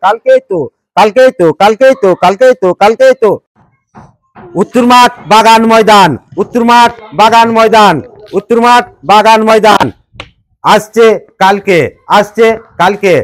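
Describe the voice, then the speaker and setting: An actor playing an excitable village announcer, hawking a song concert in repetitive sing-song chants in a comedy sketch. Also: male voice, high voice, normal speed, dry recording, close to an everyday voice, rough recording. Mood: proclaiming. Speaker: event announcer. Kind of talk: loud chanted street publicity announcement.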